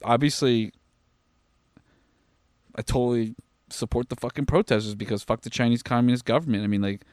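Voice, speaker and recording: A tired young man talks fast on a podcast, piling on fillers and swearing as he rants. The sound is close and dry, with no room around it. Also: medium pitch, steady tone, darkish tone, dry recording. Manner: profane, rapid rants with frequent fillers. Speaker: podcast co-host. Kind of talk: casual podcast chat.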